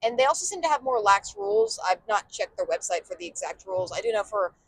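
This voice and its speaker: A woman co-hosting a podcast in casual chat, chatty and animated, laughing often. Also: fairly high pitch, fast talker, gravelly, a little hiss or hum. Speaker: podcast co-host.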